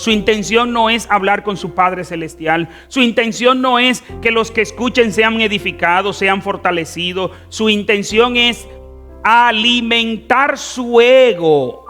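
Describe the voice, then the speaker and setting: A man with a Dominican accent preaching a fervent sermon as pastor, swinging between soft, drawn-out phrases and loud emphatic ones. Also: sits high. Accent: Dominican Spanish. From Dominican Republic. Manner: fervent preaching with wide swings in loudness and stretched words.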